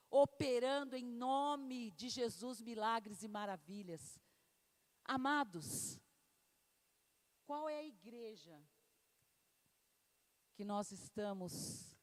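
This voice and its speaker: A middle-aged woman preaching a sermon, fervent and exhorting, weaving in personal stories. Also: fairly high pitch. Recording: long hall reverb.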